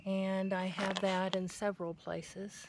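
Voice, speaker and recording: Slow-talking American woman giving a garden tour. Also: mid-range voice, level tone. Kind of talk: unscripted, informative tour narration. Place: outdoors in a home front garden. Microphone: handheld camera's built-in mic. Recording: outdoor handheld recording with ambient noise.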